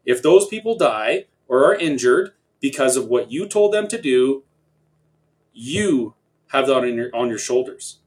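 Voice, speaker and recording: A man hosting a discussion, speaking earnestly and building to forceful declarations. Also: mid-range voice, animated, unhurried. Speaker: host. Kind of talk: talk-show discussion.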